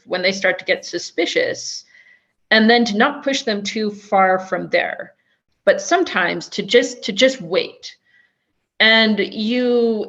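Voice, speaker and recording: A woman's voice: lowish voice, creaky, a bit bright, dull audio. A woman who is an investigative journalist, speaking thoughtfully in a webinar, with frequent restarts and fillers. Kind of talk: webinar talk.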